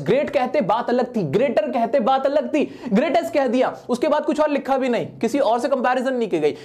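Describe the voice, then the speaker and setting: A male teacher with a fairly high voice works through a grammar lesson at a whiteboard. He fires questions at his class and answers them himself, now and then voicing a student's question. His delivery is that of a classroom lesson. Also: darkish tone. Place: at a whiteboard, writing while teaching.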